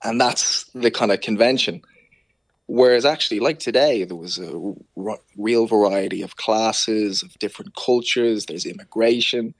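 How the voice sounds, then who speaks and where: A man's voice: fairly low pitch, moderate pace, no room sound. A man with a Dublin Irish accent, explaining things conversationally as an author in an interview and often rewording himself. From Ireland.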